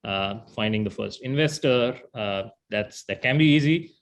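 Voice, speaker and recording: A man's voice: mid-range voice, normal speed. A man, a startup founder from India, answering interview questions in a thoughtful way with frequent "you know".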